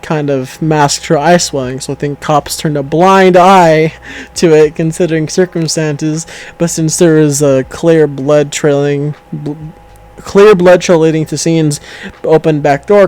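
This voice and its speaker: A man's voice: fairly high pitch, steady tone, a little slow, darkish tone, low-quality recording. A man casually reading an online story aloud to a co-host, stumbling over words and correcting himself as he goes. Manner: reads aloud with stumbles, self-corrections and laughter.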